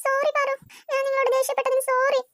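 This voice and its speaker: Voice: extremely high pitch, monotone, a bit bright, a little hiss or hum. A performer doing a sulky cartoon girl. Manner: sulky, quick to take offence. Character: young girl, touchy and easily hurt.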